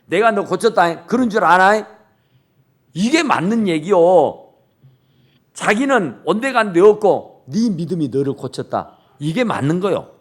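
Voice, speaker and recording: Middle-aged male pastor, high lively voice, emphatic sermon delivery. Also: a little slow, slightly rough. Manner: emphatic preaching, acting out dialogue. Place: church sanctuary. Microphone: TV camera recording.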